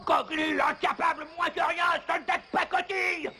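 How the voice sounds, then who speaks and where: An actor playing a pompous, hot-tempered and dim-witted warlord villain in a cartoon, with a blustering delivery. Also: male voice, extremely high pitch, steady tone, moderate pace, noisy background. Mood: angry, blustering. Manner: blustering, shouting insults. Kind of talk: French animated cartoon voice acting. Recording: lo-fi VHS cartoon soundtrack, loud music.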